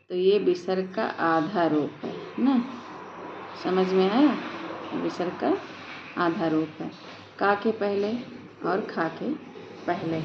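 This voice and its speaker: A woman teaching a grammar lesson to students, patiently asking questions and answering them herself. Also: fairly low pitch. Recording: echoey lo-fi room recording with faint hiss.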